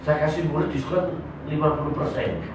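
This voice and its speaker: Animated man preaching in an echoey hall. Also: normal speed. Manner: lively preaching with sudden loud high-pitched bursts and humorous asides. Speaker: pastor. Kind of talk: sermon. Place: church service held in a hotel hall. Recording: echoey hall, distant mic, noisy.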